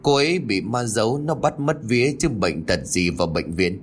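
A man's voice: fairly low pitch, expressive, moderate pace, soft background music, lightly acted. A man voicing a firm old village healer.

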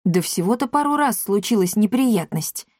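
Woman doing a calm, unflappable man. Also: medium pitch, normal speed, no room sound, studio quality, natural voice. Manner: calm, reasoning. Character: calm unflappable male companion.

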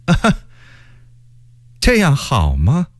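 A man voicing a haughty, scheming male court eunuch with a shrill laugh and a drawling, arrogant manner. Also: very animated, slow, no echo, studio quality. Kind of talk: storytelling character voice.

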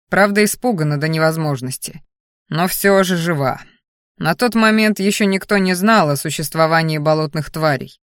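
A woman voicing a grey-haired male academy magister who lectures in a calm, measured, reproving way. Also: on the low side, dry recording, clean studio sound, close to an everyday voice.

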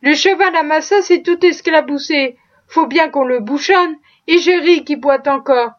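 A woman voicing a sly, boastful male stable hand who exclaims loudly and plays innocent, in a storybook reading. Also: sits high, a little slow. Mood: pleading. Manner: exclaiming, mock-innocent, excitable. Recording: dull lo-fi recording.

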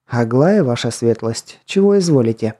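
A man's voice: medium pitch, lively intonation, normal speed, warm tone, close to an everyday voice. A man voicing a timid, helpful shopkeeper woman of about thirty in an audiobook, raising his voice well above his own. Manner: timid, eager to help.

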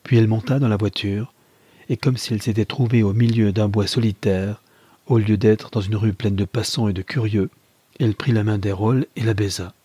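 Deep, husky male audiobook narrator. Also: steady tone, moderate pace, mellow, no room sound. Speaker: audiobook reader. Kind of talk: scripted narration of a classic novel.

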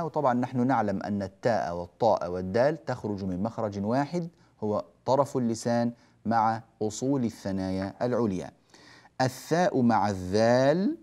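A man teaching the rules of Quran recitation in a mellow, warm voice. He explains each rule patiently and draws out short verse examples in a slow chant. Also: on the low side. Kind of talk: tajweed lesson.

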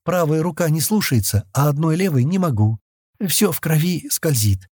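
A man's voice: a little high, animated, moderate pace, a little mellow, husky, no echo, clean studio sound, voice pushed up. A man voicing a wounded young woman pilot with a faint, weak voice in an audiobook reading.

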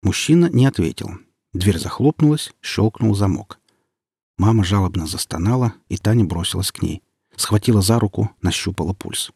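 A man narrating an audiobook in an expressive, lively reading. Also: on the low side, moderate pace, gravelly, husky, dry recording, clean studio sound.

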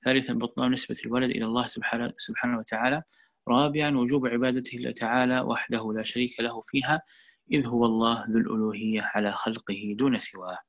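A man giving a religious lesson to an online class, speaking quickly at a mid pitch. He explains in a measured way and repeats key words for emphasis. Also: steady tone, fairly bright tone. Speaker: Quran teacher. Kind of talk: religious lecture and Q&A.

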